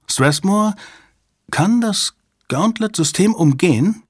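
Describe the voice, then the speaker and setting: A man's voice: mid-range voice, sing-song, normal speed, slightly rough, no echo, clean studio sound. A man voicing an insistent female official who presses urgently for answers about a problem. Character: insistent female night-shift official, worried.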